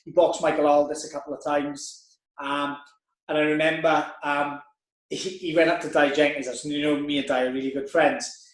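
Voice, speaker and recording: A man hosting a casual podcast chat, telling lively anecdotes. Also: on the high side, normal speed. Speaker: podcast host. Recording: roomy echo.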